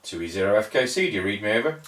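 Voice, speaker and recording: A man's voice: on the low side, big pitch swings, very fast. A man working a base radio station, making brief procedural calls heard over a two-way radio. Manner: brief, procedural call-and-response. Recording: distant, roomy radio audio with faint noise.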